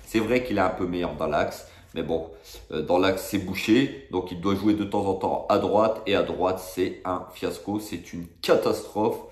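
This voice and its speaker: Low-voiced man in an exasperated comic rant. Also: a little slow, a little mellow. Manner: escalating, comic exaggeration with blunt slang; emphatic, repeats key phrases. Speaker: football fan commentator. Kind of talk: exasperated football rant, casual direct address to viewers. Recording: echoey, roomy sound.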